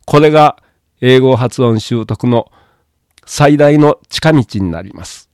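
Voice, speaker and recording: A man teaching English pronunciation in a calm lesson, explaining carefully and modelling each sound. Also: medium pitch, takes it slowly, clean tone, no room sound, clean studio sound. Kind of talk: slow spoken lesson.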